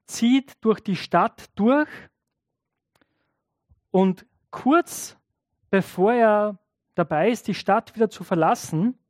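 A man's voice: high-pitched, darkish tone, no echo. Male pastor preaching in a dry, close sound. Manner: conversational storytelling, addresses the listeners directly. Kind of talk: sermon.

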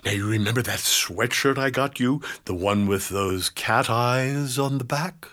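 An actor playing a jolly, bumbling old Santa Claus in an audio drama, talking in a slow, chuckling, folksy way. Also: male voice, medium pitch, a bit bright, close to an everyday voice.

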